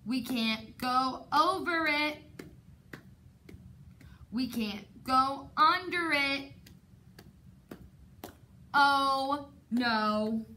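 In a classroom, seated on the carpet, a young woman teacher gives a dramatic, sing-song storytime reading of a picture book to children, captured by a camera a few metres off. Her high-pitched voice sounds pushed and bright, with a little hiss or hum in the audio.

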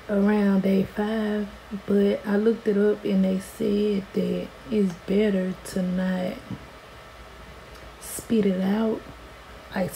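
A woman's voice: medium pitch, creaky, warm tone, low-quality recording. An American woman in her twenties chatting casually and informally to camera as a vlogger in a room at home. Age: 20s. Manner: informal, conversational. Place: small indoor room at home. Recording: noticeable background room noise.

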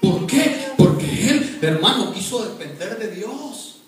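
A man's voice: high voice, sing-song, takes it slowly, music in the background. Male pastor, impassioned sermon, heard from across an echoey church. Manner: impassioned preaching, addresses congregation directly. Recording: echoey church hall, far from mic.

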